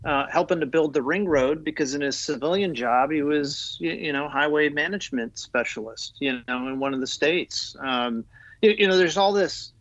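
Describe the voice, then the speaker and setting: A man appears as an Army guest on a conversational podcast interview, sounding eager and loose with lots of fillers and restarts. His voice is slightly high and a bit bright at a normal speed, and the audio is dull but free of echo.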